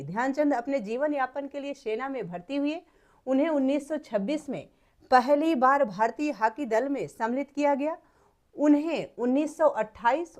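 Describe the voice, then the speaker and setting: High-voiced woman teaching a lesson. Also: darkish tone. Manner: patient, step-by-step, repeats points for students. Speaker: Hindi teacher. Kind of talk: explaining textbook exercises.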